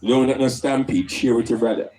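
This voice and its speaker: A man's voice: mid-range voice, quick pace, mellow, rough recording. A man with a Jamaican accent speaking in Rastafarian style, preaching and teaching emphatically with rhetorical questions and Rastafari idioms.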